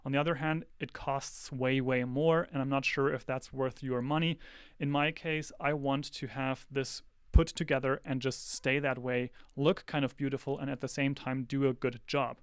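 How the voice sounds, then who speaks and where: A man giving a relaxed, explanatory product comparison into a close podcast microphone, with a few small restarts. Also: medium pitch, normal speed, clean tone, no room sound. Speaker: tech reviewer. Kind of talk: casual product comparison talk. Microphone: close handheld-style podcast mic.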